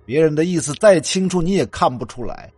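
A man voicing a jealous, obsessive young man in a spoken ghost story, shouting in a raised voice. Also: animated, a little fast, husky, dry recording. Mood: bitter, obsessed. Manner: shouting, raised pitch, laughing madly.

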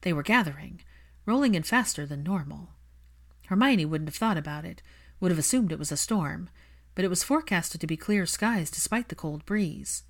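Reading fiction from a script in an audiobook style, a woman speaks at a moderate pace with an expressive delivery. Her voice sits slightly low for a woman.

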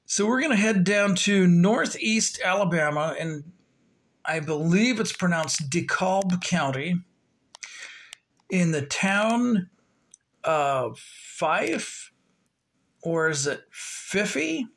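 On his own podcast, a man chats loosely and rambles with plenty of fillers in casual solo talk. His voice is high and fairly bright, and he speaks slowly.

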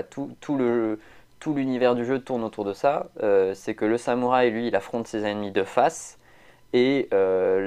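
A man's voice: fairly low pitch, a little mellow, smooth. A man, chatting casually as a podcast co-host, rambling with lots of fillers and restarts. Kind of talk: casual chat.

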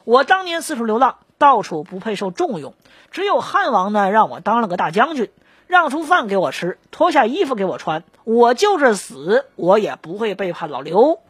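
Woman doing an earnest loyal general, lively lilt, husky tone. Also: on the high side, normal speed, no room sound. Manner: earnest, solemn vow.

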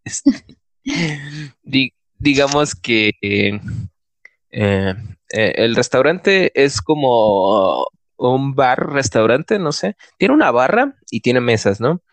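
A man's voice: mid-range voice, very animated, slow pace, no echo. A young man with a Mexican accent telling a story in casual chat, full of slang and fillers. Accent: Mexican Spanish. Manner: slangy, loose, filler-heavy.

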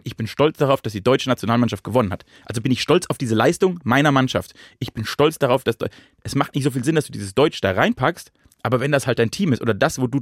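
Male podcast co-host, mid-pitched, thoughtful talker working through ideas aloud, dry booth sound. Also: dry recording. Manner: reflective, reasons things out at length with restarts. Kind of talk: casual podcast chat.

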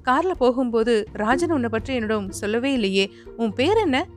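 A woman's voice: on the high side, animated, moderate pace, soft background music, lightly acted. A woman voicing a cautious older man in a detective story, speaking in a careful, plain way. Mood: wary.

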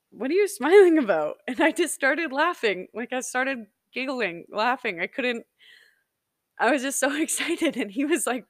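A woman's voice: medium pitch, fairly bright tone, no echo, clean studio sound. A young woman hosting a podcast, telling a personal story in a chatty, giggly way with plenty of fillers. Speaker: podcast host. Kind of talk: casual storytelling monologue.

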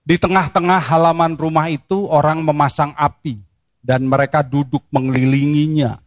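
A man preaching a sermon, reading scripture and pressing his points with rhetorical questions and sharp emphasis. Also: on the high side, steady tone, moderate pace, no room sound, studio quality.

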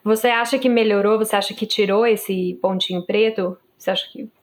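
A woman podcast host, chatting casually and telling stories with quick, animated asides. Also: mid-range voice.

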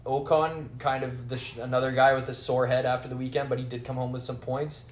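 Male podcast host, flat delivery, filler-heavy casual chat, echoey room with faint noise. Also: mid-range voice, fairly quick. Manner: filler-heavy, hedging with "like" and "kind of". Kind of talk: casual chat about motor racing.

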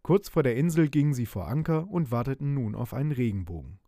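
A man reading a children's story aloud, lively and expressive. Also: medium pitch, quick pace, no room sound, clean studio sound. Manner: lively, expressive, voices the characters. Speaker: narrator.

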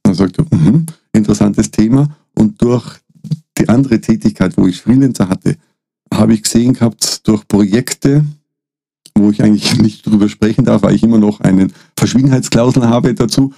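Tiefer, knarrender Männerstimme, gedämpft und rau. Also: male voice, lowish voice, gravelly, dark tone, dry recording. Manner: halting, frequent restarts and fillers. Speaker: guest, data protection consultant. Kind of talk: casual podcast storytelling.

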